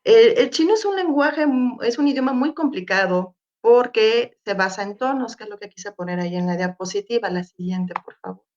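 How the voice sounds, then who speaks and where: A woman's voice: on the high side, lively intonation, normal speed, hardly any pauses, a little mellow, muffled recording. Hesitant Mexican woman giving a talk. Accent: Mexican Spanish. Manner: hesitant, many fillers and restarts. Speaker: academic forum panelist. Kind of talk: conference presentation with slides. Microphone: video call.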